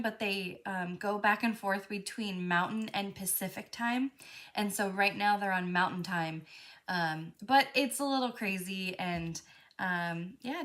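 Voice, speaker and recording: Slightly stuffy from a cold, this crafting show host talks casually and warmly on her live stream, using lots of fillers. Her voice is medium in pitch and a bit bright.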